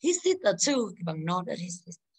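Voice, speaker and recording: A woman English teacher in a classroom, drilling her students with quick questions and telling them to speak up. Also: on the low side, very animated, a little mellow.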